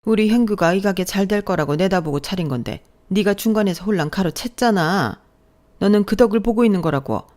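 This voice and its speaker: A woman's voice: medium pitch, brisk, darkish tone, voice pushed up, lightly acted. A woman voicing a brazen, scolding older mother-in-law who demands money, in a bossy, contemptuous radio-drama manner. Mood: furious. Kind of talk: Korean radio drama story reading.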